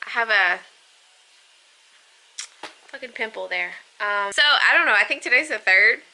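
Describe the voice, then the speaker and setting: A woman's voice: fairly high pitch, bright, forceful tone. A young woman chatting casually in a reading vlog, rambling and gushing, and cursing freely. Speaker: book vlogger.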